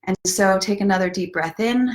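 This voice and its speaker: Her voice sits in the mid range and moves at a moderate pace, captured on a rough recording. She's a self-love coach hosting an easygoing live story time, cheering viewers on playfully as she chats, guides them through breathing, and reads a book.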